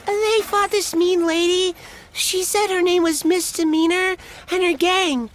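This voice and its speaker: A squeaky boastful little boy. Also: fairly even intonation, unhurried, a bit bright. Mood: boastful excited. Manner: breathless boastful storytelling. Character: young boy villager, excitable tall-tale teller. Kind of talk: audiobook character voice.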